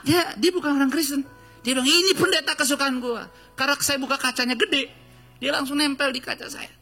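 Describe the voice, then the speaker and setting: A male pastor with a Jakarta Indonesian accent preaching a lively, joking sermon full of storytelling and acted-out quotes. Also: extremely high pitch, fairly quick, soft background music. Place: church stage.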